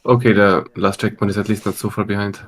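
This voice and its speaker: A man's voice: on the low side, fairly even intonation, fast, a little hiss or hum. A man chatting casually while playing a video game, blunt and grumbling about bugs. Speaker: gamer. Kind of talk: casual gaming chat. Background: game music.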